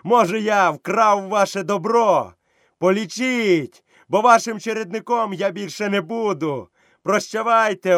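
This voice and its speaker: A man's voice: on the high side, no echo, studio quality, pitched above the performer's own voice, close to an everyday voice. A man voicing a proud, defiant young man raised in the jungle, scornful toward villagers.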